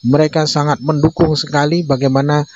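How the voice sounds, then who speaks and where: A man's voice: a little high, level tone, a little fast, a little mellow. Male host, preachy commentary, repetitive tag words, muffled lo-fi sound. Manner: repetitive, tags sentences with "ya". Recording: muffled lo-fi audio.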